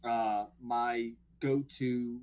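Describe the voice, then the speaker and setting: A guest actor from the New Orleans area talks very slowly in a medium-pitched voice. In this easygoing podcast conversation he tells stories with animation, repeatedly restarting mid-thought.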